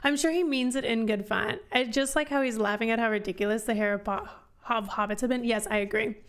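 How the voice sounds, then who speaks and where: A woman's voice: fairly high pitch, steady tone, quick pace. A woman hosting a book club live stream, chatting casually and rambling as she answers questions from chat. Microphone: headphones on, desk mic.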